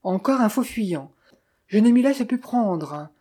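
A woman's voice: mid-range voice, animated, slow pace, warm tone, slightly rough. A woman voicing a tense young man posing as a detective, speaking curtly in a storybook reading. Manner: curt, clipped, through clenched teeth.

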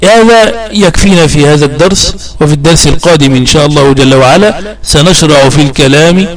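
A man's voice: fairly high pitch, quick pace, low-quality recording. A man teaching a grammar lesson, patiently asking and answering his own questions and repeating the key points.

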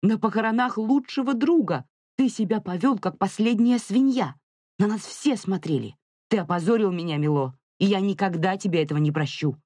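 An audiobook narrator voicing a furious, grieving young mother who shouts and accuses, near hysteria. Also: medium pitch, expressive, measured pace, slightly rough, no echo, studio quality. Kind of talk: audiobook character reading.

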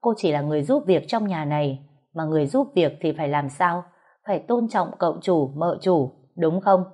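A woman's voice: sits low, animated, moderate pace, dark tone. A woman voicing a stern, protective older housekeeper who speaks firmly in a storytelling audiobook. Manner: stern, firm.

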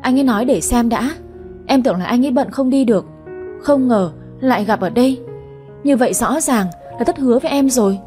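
Woman voicing jealous young village woman, whiny, raised pitch. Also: fairly quick, mellow, soft background music, close to an everyday voice. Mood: sulky.

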